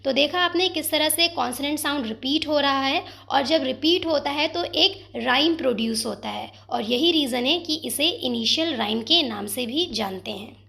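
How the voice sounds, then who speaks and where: A woman teaching English literature terms, explaining in Hindi mixed with English and reading quoted poem lines slowly. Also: high voice, gravelly, bright, forceful tone.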